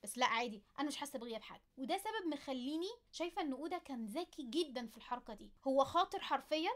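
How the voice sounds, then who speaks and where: An excited woman anime fan with an Egyptian Arabic accent, hosting a chatty, playful commentary and talking straight to the viewer. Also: sits high, very fast. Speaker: anime video host. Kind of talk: casual anime commentary to camera.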